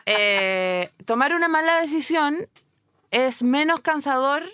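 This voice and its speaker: Bright, high-voiced Chilean woman, drily recorded. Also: slow pace, no echo. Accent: Chilean Spanish. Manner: playful, dramatic storytelling with mock despair. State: exhausted. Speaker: podcast co-host. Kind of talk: casual comedic chat.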